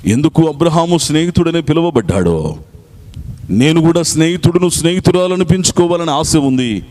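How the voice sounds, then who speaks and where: Preaching at a night meeting in church, a male pastor echoes scripture phrase by phrase and calls for the congregation to answer loudly. His voice is on the high side and expressive, at normal speed.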